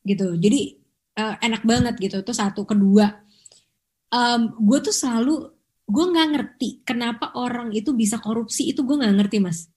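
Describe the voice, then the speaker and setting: A woman's voice: a little high, moderate pace. Chatty young woman. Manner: chatty, animated storytelling with Jakarta slang. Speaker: podcast co-host. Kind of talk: casual chat.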